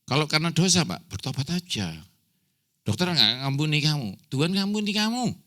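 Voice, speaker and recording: A man's voice: on the high side, animated, brisk, sharp tone. A man preaching a sermon as pastor, telling a personal story with acted dialogue, close to tears.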